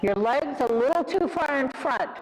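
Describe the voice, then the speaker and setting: A riding instructor coaching a live lesson with brisk, short instructional commands. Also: sits high, animated, slight background noise, low-quality recording.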